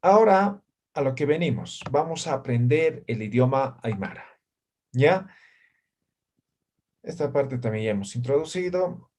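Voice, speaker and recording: Hombre profesor que pregunta "¿no?" sin parar. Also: male voice, medium pitch, lively intonation, a little slow, long pauses, a little mellow. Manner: keeps checking in with tag questions. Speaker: language teacher. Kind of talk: classroom lecture.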